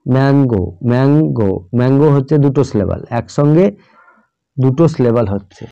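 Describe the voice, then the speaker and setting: A man's voice: mid-range voice, fairly quick, mellow, no room sound, highs cut off. A man teaching an English grammar lesson, sounding words out letter by letter and often checking that students follow. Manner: checks in often with "all right?".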